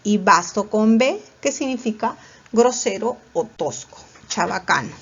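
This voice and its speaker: A woman's voice: medium pitch, animated, measured pace, vocal fry, husky. A woman teacher, lecturing a class and asking questions that she answers herself. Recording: dull lo-fi recording.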